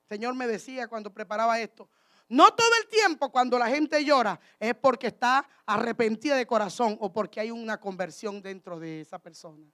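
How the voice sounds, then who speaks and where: High-voiced woman preaching a sermon. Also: lively intonation, a little fast, bright, forceful tone. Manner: emphatic, calls out to the congregation.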